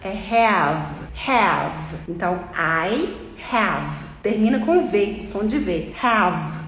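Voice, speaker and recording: A woman with a Bahian Brazilian accent teaches English in a relaxed, joking way and says sounds over and over to model them. Her voice sits a little high. The room is echoey, with a long reverb trailing each phrase. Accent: Bahian Brazilian Portuguese. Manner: chatty, informal and jokey, repeats sounds to model pronunciation. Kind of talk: casual online English lesson.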